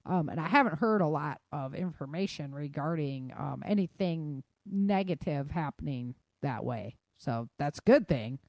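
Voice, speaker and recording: Here an American woman hosting a podcast has a deep, slightly mellow voice and sounds animated, talking at normal speed with few pauses and no echo. She riffs on the news without a script, casual and quick to laugh at herself.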